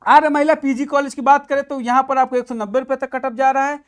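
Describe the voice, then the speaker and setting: A man with a notably high voice talks students through admission details as he stands at a board. His delivery is direct and explanatory, and he often stops to check that listeners are following. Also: fairly even intonation, fast talker. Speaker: admissions guidance YouTuber. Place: room with a whiteboard.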